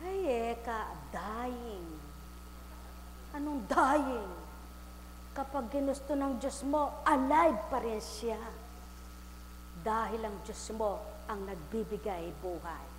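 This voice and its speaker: A woman preaching a sermon, firing repeated rhetorical questions at the congregation and rising into loud exclamations. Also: a little high, slow, pauses often. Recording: echoey hall with faint hum.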